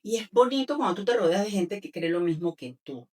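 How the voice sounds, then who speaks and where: A woman's voice: mid-range voice, expressive, a little fast, a little mellow, recorded from a distance. A woman sharing a personal testimony as an interview guest, with many fillers and restarts.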